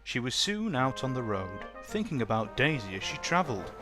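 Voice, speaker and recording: A man narrating a children's storybook in a plain, steady way. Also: medium pitch, normal speed, music in the background.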